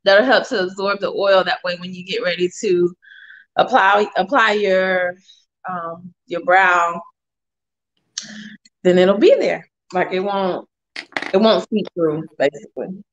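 A woman co-hosting a live makeup show, chatting casually through a tutorial with relaxed, drawn-out phrasing. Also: lowish voice, highs cut off. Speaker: co-host of a makeup livestream.

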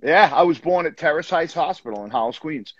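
A man's voice: fairly high pitch, fairly quick, slightly rough, no room sound. New York man on a dull, dry call. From Long Island, New York. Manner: relaxed, rambling with many restarts and fillers. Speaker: guest musician. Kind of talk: casual interview chat. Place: home room, indoors. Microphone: video call. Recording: dull lo-fi video call audio.

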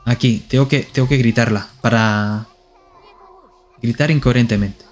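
A man with a Spain Spanish accent gives live gameplay commentary in a voice of ordinary, middle pitch. He chats playfully to himself and to the characters as he plays. Faint game music runs quietly underneath. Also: steady tone, moderate pace. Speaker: streamer.

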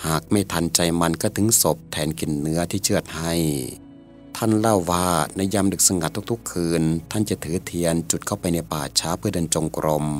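A man giving scripted storytelling narration in an even, measured way. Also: sits low.

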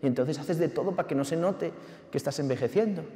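A man's voice: a little high, quick pace, dark tone. A man preaching a sermon, passionate and at times fervent, often asking the listener direct questions. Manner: impassioned, rising to fervent exhortation. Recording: echoey hall with long reverb.

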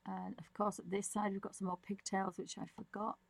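Husky, creaky-voiced woman demonstrating casually. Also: mid-range voice, level tone, a little fast. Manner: musing, thinking aloud while drawing. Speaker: digital art tutorial presenter. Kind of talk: casual, unscripted demonstration commentary.

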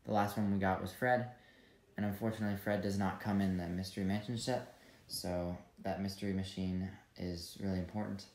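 Low-voiced young man in an echoey room. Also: a little fast. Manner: relaxed, many fillers and trailing asides. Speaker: toy reviewer. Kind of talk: casual set review. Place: room at a table with toys. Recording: echoey room with clear background noise.

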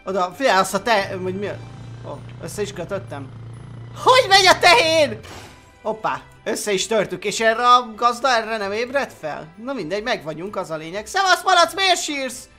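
A man's voice: high voice, soft background music. A man doing chatty let's play commentary on a game, reading its story aloud and muttering to himself as he plays. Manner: animated, chatty, mutters under his breath. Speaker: gaming YouTuber.

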